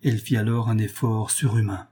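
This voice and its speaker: A man narrating a novel chapter in a measured, even storytelling manner. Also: fairly low pitch, breathy edge. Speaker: audiobook narrator.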